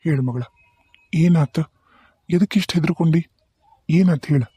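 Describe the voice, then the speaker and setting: A man's voice: a little high, normal speed, husky, no echo. A man voicing a worried middle-aged village father in a hospital bed in a cartoon, with a North Karnataka Kannada accent. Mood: coaxing. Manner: gentle, pleading, rises when alarmed. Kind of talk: cartoon voice acting.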